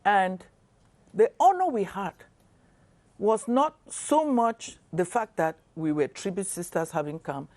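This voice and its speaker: A woman from Cameroon on a studio panel, recounting in a measured way. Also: medium pitch, animated, darkish tone.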